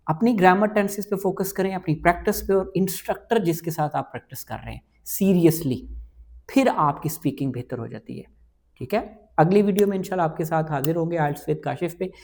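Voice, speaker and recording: An earnest man coaching students on English test speaking, talking straight to camera. He weaves English terms into his everyday speech and slows right down to stress the English lines. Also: high-pitched, darkish tone. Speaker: IELTS teacher and channel host. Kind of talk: explanatory talk to camera.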